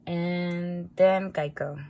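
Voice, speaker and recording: A woman with a raspy early-morning voice, chatting informally as a vlogger while she writes out a budget. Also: lowish voice, steady tone, extremely slow, warm tone, slight background noise. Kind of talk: casual budgeting vlog narration.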